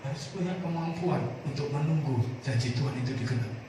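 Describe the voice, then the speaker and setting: A male pastor preaching a sermon, animated and calling on the congregation to answer together. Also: mid-range voice, a little fast. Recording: echoey room, far from the mic, clear noise.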